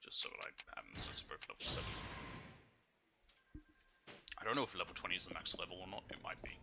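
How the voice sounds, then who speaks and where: A man's voice: sits low, big pitch swings, fast, gravelly, noisy background. A man giving casual commentary as he plays a video game, thinking aloud and often muttering. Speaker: gamer doing a playthrough.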